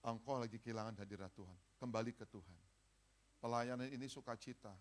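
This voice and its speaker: A male pastor delivers a sermon at a church service with a mid-pitched voice. He speaks to the congregation in a conversational way, urging them on with loud calls and then dropping into quiet, pleading tones. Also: fairly quick. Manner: lively exhorting, swings from loud calls to soft pleading.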